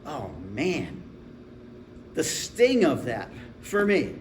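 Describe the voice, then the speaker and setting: Pastor in his 40s preaching, kinda high voice, chatty and jokey, echoey church room with faint hum behind. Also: wildly swooping pitch, extremely slow. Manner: conversational, humorous storytelling. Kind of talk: sermon. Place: church sanctuary.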